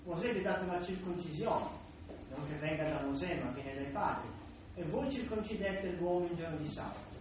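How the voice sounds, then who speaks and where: Jesus, a solemn grown-man teacher, read aloud by a man. Distant mic, very echoey room, steady background noise. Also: high-pitched, brisk, natural voice. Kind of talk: scripture reading.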